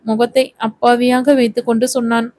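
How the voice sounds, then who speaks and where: A woman narrating a romantic family story in a measured reading voice. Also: fairly high pitch, little pitch movement, dark tone, no echo.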